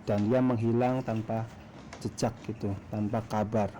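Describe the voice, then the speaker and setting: Man storytelling casually over clear background noise. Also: on the low side, flat delivery, dark tone. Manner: hesitant, halting delivery with throat-clearing. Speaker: food vlogger telling a story.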